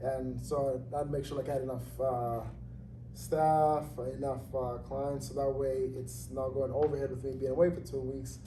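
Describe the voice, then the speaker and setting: A man in his thirties from Zambia talks through his story as an interviewee, relaxed and easygoing, with plenty of fillers and quick laughs. He sits a little off the mic in a roomy space. A steady ambient noise runs behind him. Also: medium pitch. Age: 30s. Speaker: interviewee, gym owner. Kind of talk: casual interview. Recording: roomy, distant, noisy ambience.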